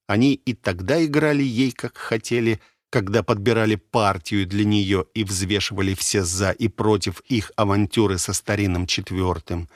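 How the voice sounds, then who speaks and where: A man narrating a fantasy audiobook in a measured, dramatic reading style. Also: fairly low pitch, steady tone, no room sound, clean studio sound.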